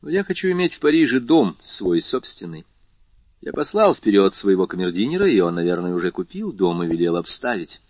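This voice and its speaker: Husky narrator as an unhurried, enigmatic count, low and measured, lo-fi. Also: male voice, very animated, dry recording. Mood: composed. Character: mysterious wealthy nobleman, calm and composed. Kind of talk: audiobook character voice. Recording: slightly muffled lo-fi recording.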